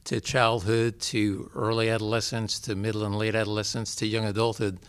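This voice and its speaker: An older man with a fairly low voice, a doctor from New York talking through the growth of his department. He speaks in an even, measured way, laying out facts in lists. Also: clear, resonant tone. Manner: measured, explanatory, listing facts. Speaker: pediatrician and professor, guest. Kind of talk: interview.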